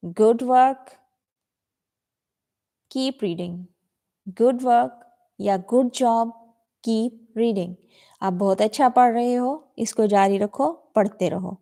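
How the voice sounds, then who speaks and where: A woman teaching spoken English in an online class. She says model sentences slowly and clearly for students to repeat, and calls out student names to check their answers. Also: fairly high pitch, darkish tone. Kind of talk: online class, bilingual drill.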